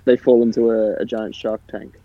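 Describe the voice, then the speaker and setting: A young Australian man co-hosting a comedy podcast, riffing absurd ideas in a rambling, deadpan way. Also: fairly low pitch, moderate pace, no echo, lo-fi sound. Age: young adult. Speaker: podcast co-host. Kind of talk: casual comedy chat.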